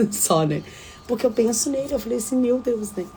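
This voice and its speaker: Expressive woman telling a heartfelt story. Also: fairly high pitch, normal speed, a little hiss or hum, low-quality recording. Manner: expressive, animated, addresses listeners directly. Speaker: teacher sharing a testimony in a women's devotional. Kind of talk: casual heartfelt storytelling to a group. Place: home.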